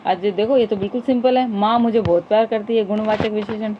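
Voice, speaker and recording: A woman's voice: medium pitch, fairly even intonation, fairly quick, highs cut off, a little hiss or hum. A woman teacher going through exam-prep grammar questions, patiently repeating each question and its options aloud.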